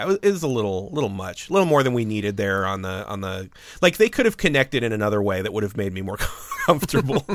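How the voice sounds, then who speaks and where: A man's voice: fairly low pitch, no room sound. A man co-hosting a podcast, recapping a film in casual chat with a wry, joking manner and frequent laughs. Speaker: podcast co-host. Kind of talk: casual movie-review chat.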